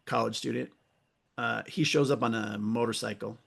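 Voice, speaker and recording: A man's voice: mid-range voice, steady tone, moderate pace, vocal fry. A man hosting a podcast, chatting casually and rambling, laughing often as he acts out lines. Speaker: podcast host. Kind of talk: casual chat.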